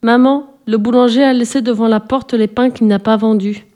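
A woman's voice: on the high side, fairly even intonation, normal speed, dark tone, natural voice. A woman voicing an eager little boy calling to his mother.

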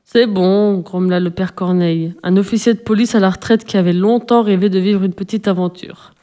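A woman narrates a children's bedtime story in an expressive, steady way. Her voice has a warm, mellow timbre at a middle pitch. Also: brisk.

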